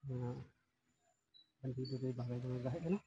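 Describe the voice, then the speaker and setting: A man chatting quickly with friends on a mountain and talking to viewers. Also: medium pitch, little pitch movement, noisy background. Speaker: vlogger on a jungle outing. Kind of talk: casual chat among friends. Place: outdoors on a mountain.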